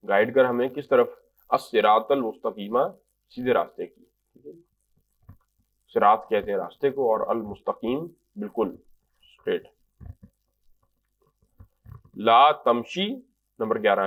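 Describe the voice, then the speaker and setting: A man giving an Arabic grammar lecture in Urdu, reading out example phrases and translating them patiently line by line. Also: mid-range voice. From Pakistan. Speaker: Arabic language teacher.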